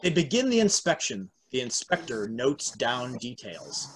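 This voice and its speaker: Over a noisy video call full of clicks, a fortyish American host narrates a home table read, reading out stage directions and trivia. His mid-range voice is sing-song and a little slow, with a breathy edge, picked up by a computer at arm's length.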